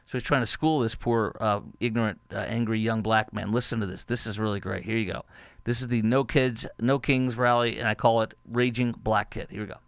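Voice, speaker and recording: A man's voice: fairly low pitch, fairly even intonation, fairly quick, clear, resonant tone, no echo. A man hosting a podcast, giving indignant, scornful political commentary. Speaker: podcast host.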